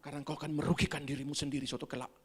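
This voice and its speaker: A woman pastor preaching a Sunday sermon in church, swinging between loud exclamations and soft near-whispers and calling out to the congregation. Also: low voice, flat delivery, racing, husky. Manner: calls out to the congregation. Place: church service.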